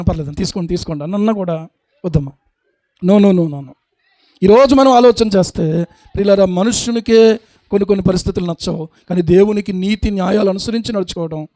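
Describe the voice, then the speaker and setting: A man's voice: sits high, mellow, no echo. A male pastor preaching a sermon, asking the congregation rhetorical questions and acting out short scenes. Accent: Telugu.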